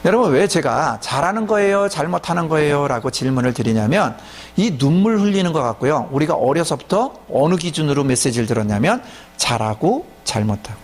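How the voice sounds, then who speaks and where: A man's voice: on the high side, sing-song, a little fast. A man preaching a sermon as a pastor, often asking his congregation questions and then answering them himself.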